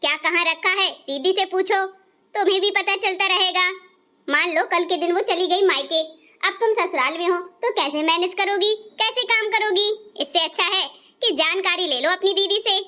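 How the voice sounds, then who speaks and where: A woman playing a loud, scolding older mother-in-law in a comic family skit. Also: extremely high pitch, moderate pace. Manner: scolding, shouting, insulting.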